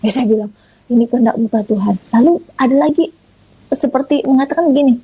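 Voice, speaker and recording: Woman from Indonesia, interview guest giving a testimony, lively storyteller, husky and mellow, dry recording. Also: high voice, quick pace, dry recording, poor audio. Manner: animated storyteller, acting out quoted dialogue. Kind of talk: conversational testimony. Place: online audio room.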